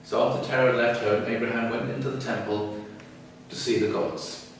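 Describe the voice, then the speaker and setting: A man's voice: mid-range voice, little pitch movement, moderate pace, a little hiss or hum. A man teaching a religious story in a casual, humorous way as a lecture. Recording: echoey room, far from mic.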